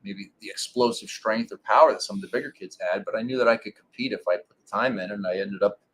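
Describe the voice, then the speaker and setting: A man in his forties, a former pro ballplayer, telling stories in a relaxed interview with lots of fillers. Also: lowish voice, fast, breathy edge. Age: 40s. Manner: relaxed storytelling with many fillers. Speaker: guest, former pro baseball pitcher. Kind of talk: casual interview.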